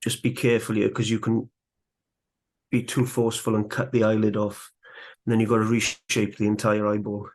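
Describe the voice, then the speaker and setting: Male carving instructor, low and even, relaxed and chatty while working. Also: normal speed. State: slightly out of breath. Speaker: woodcarving instructor. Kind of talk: live carving tutorial.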